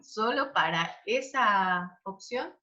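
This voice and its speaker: A woman teaching an online grammar lesson, explaining slowly with many fillers and restarts. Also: medium pitch, lively intonation, pushed and bright. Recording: dull lo-fi recording.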